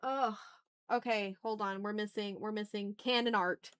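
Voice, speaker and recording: While she draws on her art livestream, a woman rambles casually, mutters to herself and swears mildly in an informal style. She speaks at normal speed in a smooth, mid-range voice with a steady, fairly bright tone.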